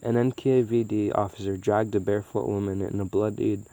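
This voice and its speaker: Low-voiced man reading a novel aloud. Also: brisk, no echo. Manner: steady, with small slips and restarts. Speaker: audiobook reader.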